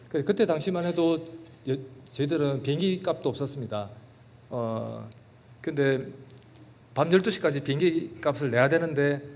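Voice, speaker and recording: A man's voice: fairly high pitch, a little hiss or hum. A middle-aged man, a guest pastor, tells a personal story in a church sermon in an earnest, emotional way. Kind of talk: sermon testimony. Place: church sanctuary.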